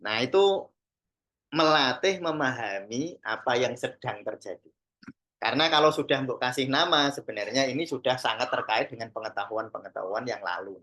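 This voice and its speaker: A man's voice: medium pitch, normal speed, bright, forceful tone. A man with a Javanese accent giving an informal teaching talk to a class, speaking in a conversational way and acting out little example dialogues. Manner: conversational, mixes in Javanese phrases, acts out examples. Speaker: Sufi teacher and therapist trainer.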